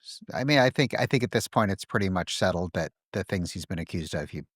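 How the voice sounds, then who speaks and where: A man's voice: sits low, expressive, fast talker, dry recording, studio quality. A man hosting a podcast, thinking aloud in a hesitant, filler-heavy way. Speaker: podcast host. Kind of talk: casual conversation.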